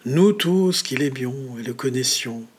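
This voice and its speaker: A man voicing a gentle male eulogist on a recording, soft and solemn. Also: mid-range voice, lively intonation, a little slow, husky.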